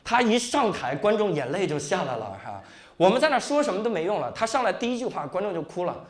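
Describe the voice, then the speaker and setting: Young guy doing stand-up, high voice that swings all over, chatty stage storytelling. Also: quick pace. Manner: animated storytelling with frequent tag 哈 and 是吧. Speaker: stand-up comedian. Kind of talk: stand-up comedy set. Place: comedy stage before a live audience.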